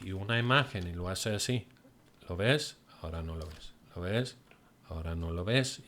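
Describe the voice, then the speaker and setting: Pastor guy teaching a sermon, low voice, takes it slow, lots of pauses. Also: a bit bright. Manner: slow and deliberate, explaining with pauses and examples.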